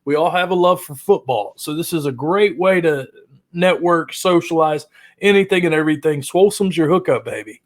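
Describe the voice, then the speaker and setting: A high, bright-pitched man hosts a fantasy football show and rattles off opinions in quick, slangy bursts. He keeps the energy up with casual banter throughout. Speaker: fantasy football podcast host. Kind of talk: casual hyped-up podcast chat.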